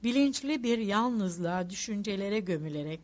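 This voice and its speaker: A woman's voice: medium pitch, moderate pace. A woman narrating a literary novel as an audiobook, reading expressively. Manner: expressive, rising and falling with the story.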